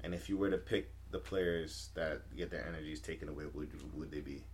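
A man's voice: very deep voice, fairly quick. A man co-hosting a casual podcast, chatting in an informal, slangy way. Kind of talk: casual chat.

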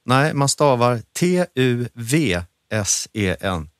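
A middle-aged man talks casually as a co-host. His voice sits at a medium pitch in a dry, close recording. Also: very animated, clean tone, no room sound. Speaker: podcast co-host. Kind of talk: casual chat.

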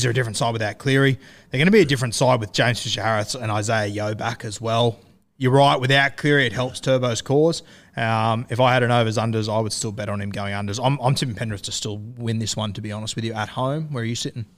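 An Australian man hosting a sports podcast in a casual, broad, slangy, blokey style. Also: mid-range voice. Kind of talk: casual fantasy rugby league chat.

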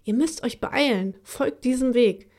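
A woman's voice: fairly high pitch, unhurried, a little mellow, voice pushed up. A woman voicing a big, stern female forest creature who grumbles and gives orders in a children's audiobook. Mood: firm. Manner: gruff, commanding.

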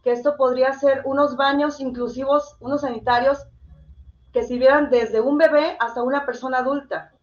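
A woman's voice: high voice, fairly even intonation, normal speed, highs cut off. A woman speaking as an interview guest, explaining things conversationally and addressing the host directly.

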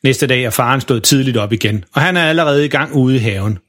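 A man narrating a children's story in a lively, expressive way. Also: medium pitch.

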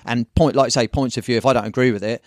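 Casting: English man, rapid rambling storyteller, slangy, dry close mic. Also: mid-range voice, steady tone, no room sound. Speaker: guest, surf magazine owner. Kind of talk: casual podcast chat.

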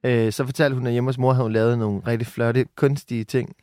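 A man's voice: mid-range voice, level tone, darkish tone, no echo, studio quality. A man co-hosting a podcast, chatting casually and throwing in teasing jokes. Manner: teasing, jokey interjections. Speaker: podcast co-host. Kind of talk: casual chat.

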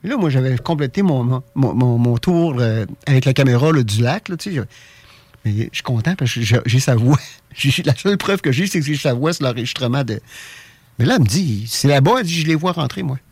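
A man with a Québécois French accent tells a personal story in a casual, animated way, stumbling over and repeating his words. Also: medium pitch, brisk, breathy edge, no echo. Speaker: guest telling an experience.

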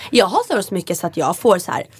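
A woman's voice: lowish voice, breathy edge. A woman co-hosting a casual podcast, telling stories and acting out what people said. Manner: animated storyteller, acts out quotes. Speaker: podcast co-host. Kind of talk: casual chat.

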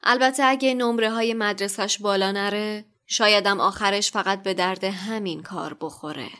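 A woman's voice: medium pitch, sharp tone, lightly acted. A woman voicing a cold, haughty aristocratic wizard father with a clipped, disdainful manner. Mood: scornful.

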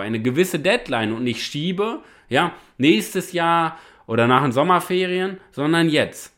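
A man hosts a motivational podcast as a coach, speaking emphatically and repeatedly checking in with listeners by asking "ja?". His voice is a little high and fairly bright.

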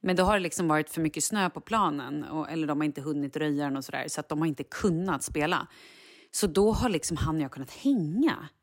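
Easygoing lower-voiced woman chatting. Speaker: podcast co-host. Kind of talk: casual chat.

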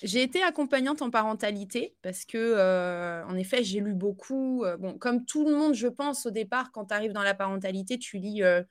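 Chatty French-speaking woman, halting. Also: mid-range voice. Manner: chatty, halting, with many fillers and restarts; laughs easily. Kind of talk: casual conversational interview.

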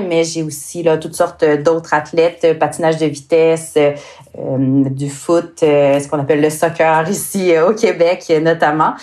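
Québécois woman with a low voice. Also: darkish tone. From Quebec. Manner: hesitant, many filler sounds, drawn-out phrasing. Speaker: sports nutritionist guest. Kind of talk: casual podcast interview.

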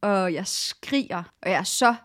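A young woman co-hosts a relaxed podcast conversation. She tells a personal story with a shaky, emotional edge in her voice. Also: medium pitch. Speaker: podcast co-host.

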